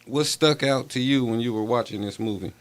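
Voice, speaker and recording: A middle-aged man, hosting a casual livestream chat in a relaxed, slangy way and asking questions. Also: medium pitch, a little fast. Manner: laid-back, slangy, asks questions. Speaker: livestream host.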